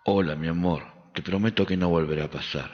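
A man plays a remorseful lover leaving a voicemail, his deep voice low and pleading as he begs to be called back. The message sounds muffled and lo-fi, with a long echo around it, like a voicemail clip played over the radio. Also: a little fast, natural voice. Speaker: voice in a radio promo skit.

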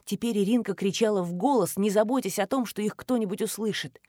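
A woman reads a story aloud in measured, expressive narration. Her voice sits at a middle pitch. The sound is dry, with no room echo. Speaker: audiobook narrator.

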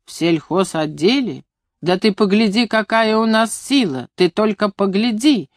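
A woman's voice: lively intonation, a little slow, dry recording, studio quality, lightly acted. A woman reading the part of an insistent, enthusiastic male farm station director in an audiobook. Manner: pushy, insistent, booming with enthusiasm.

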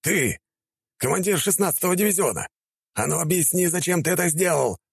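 A man's voice: medium pitch, moderate pace, darkish tone, no room sound, pitched above the performer's own voice, close to an everyday voice. A man reading an audiobook, voicing a stern male army commander who barks orders. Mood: barking orders.

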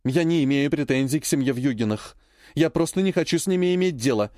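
A man's voice: a little high, fast, darkish tone, no echo, close to an everyday voice. A man reading the lines of a cold, curt, proud woman in an audiobook, in a dry and clipped manner. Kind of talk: audiobook character voice.

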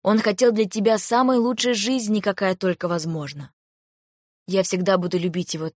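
A woman reading the part of a gentle older mother-in-law who speaks slowly and tenderly. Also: medium pitch, fairly even intonation, no echo, studio quality, lightly acted. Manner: tender, slow and soothing.

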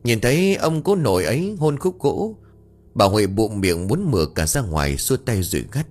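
A man narrating a scripted ghost story with steady storytelling. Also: fairly low pitch, normal speed, soft background music.

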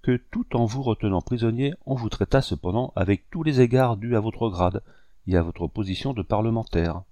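A proud rebel commander , put on by a man reading aloud, speaks with haughty, barely held-back menace. The voice is dark and low. The recording is dry and close. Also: normal speed, dry recording, natural voice. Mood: stern. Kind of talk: audiobook character reading.

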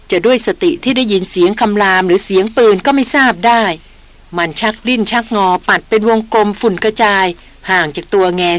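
A woman narrates an adventure novel in a measured, vivid storytelling voice. Her pitch sits in the middle of the range, and the recording is dry and close with no room echo. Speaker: audiobook narrator.

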